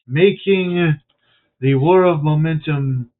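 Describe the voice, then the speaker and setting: Slow-talking man through a tinny tin-can mic. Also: on the high side. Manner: hesitant and musing, with many fillers. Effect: tinny, tin-can-like phone sound. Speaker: streamer commentating a wrestling video game. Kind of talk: casual game commentary.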